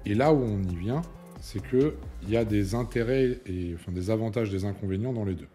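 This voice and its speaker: A man's voice: lowish voice, warm tone. A young man, a fitness coach, talking casually to camera, chatty and emphatic, with many fillers and asides.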